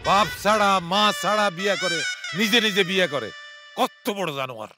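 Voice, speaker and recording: A man's voice: high voice, lively intonation, moderate pace, loud music behind the voice. An actor playing a bitter village man who mocks a marriage in a TV drama. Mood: scornful. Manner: scornful and mocking. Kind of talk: TV drama acting.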